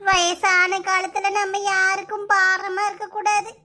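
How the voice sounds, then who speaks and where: A dramatic old village mother-in-law with a piercing, very high voice, as a woman acts her out in a cartoon. She scolds loudly and wails with self-pity, in a Kanyakumari Tamil accent. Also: little pitch movement, measured pace, heavily acted. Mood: wounded. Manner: loud, wailing and self-pitying. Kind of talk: cartoon voice acting.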